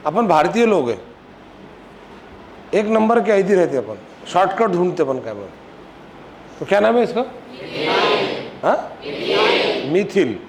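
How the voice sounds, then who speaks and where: A man teaches a chemistry class, pitching his voice high as he fires question after question at his students. He scolds them when they are slow to answer. The classroom recording carries a steady layer of noise. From Maharashtra, India. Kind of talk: classroom lecture.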